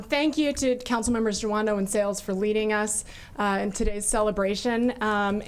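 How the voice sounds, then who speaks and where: A woman council member giving grateful public remarks at a council session, with many fillers. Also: a little high.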